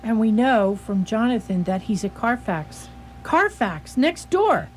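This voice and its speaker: A woman playing a brisk, authoritative asylum doctor in a radio drama, resolute and emphatic. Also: fairly high pitch, big pitch swings, darkish tone, slight background noise. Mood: urgent.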